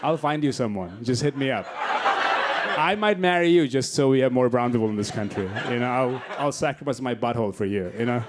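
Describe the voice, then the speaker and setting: This mid-range male voice belongs to a young comedian from Bangladesh doing crowd work in a club. He fires crass, brash jabs at the audience, and loud laughter makes the recording very noisy.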